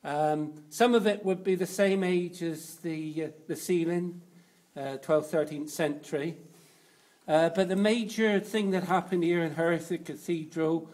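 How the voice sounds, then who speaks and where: Male cathedral tour guide, slightly high voice, informal and unscripted, feeling his way through explanations. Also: a little slow, a little mellow.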